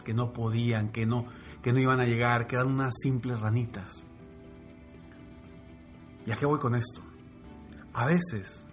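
A man telling a motivational fable in a lively, repetitive way, going soft and low for the lesson. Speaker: motivational storyteller. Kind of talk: motivational storytelling.

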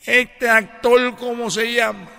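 A man voicing a dead older father speaking from beyond, in a slow, creaky, drawn-out delivery. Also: very high-pitched, steady tone, sharp tone, heavily acted. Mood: ghostly. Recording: reverb-washed voice over music.

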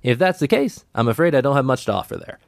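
Lively, expressive male science podcast host. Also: mid-range voice, fast talker, no echo, clean studio sound. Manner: explains calmly and clearly.

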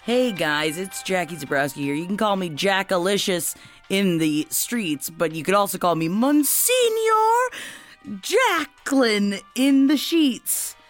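A woman's voice: medium pitch, lively intonation, measured pace, faint music behind. Joking bawdy woman in her thirties. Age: 30s. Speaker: podcast host. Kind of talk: casual chat with ad read.

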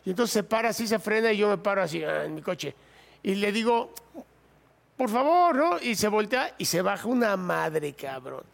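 A Mexican man speaks in a high voice with a gravelly rasp. He tells a rambling story and acts out the lines of the people in it. The talk is a loose, casual chat. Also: lively intonation, fairly quick, fairly bright tone.

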